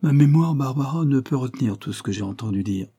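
Man reading as a calm young lawyer, firm, good-humoured, dark husky voice, storybook. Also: medium pitch, quick pace, highs cut off, pitched above the performer's own voice. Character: calm self-possessed young male lawyer.

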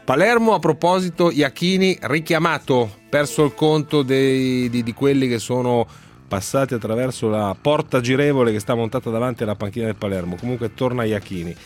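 A man presenting a sports radio show conversationally, with halting, searching phrases and dramatic emphasis. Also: mid-range voice, soft background music. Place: radio studio.

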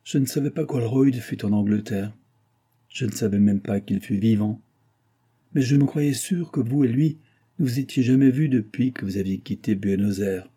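A man's voice: medium pitch, dark tone, breathy edge, natural voice. A man reading aloud, voicing a flustered, pleading young lieutenant short of money. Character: desperate, broke young army lieutenant.

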